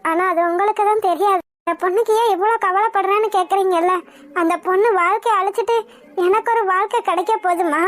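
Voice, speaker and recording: A very high, thin voice from a performer playing a gentle-hearted young cartoon woman, sorrowful and pleading to the gods. The sound is close and dry, with no room around it. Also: dry recording. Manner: anguished pleading to god. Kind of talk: cartoon drama dialogue.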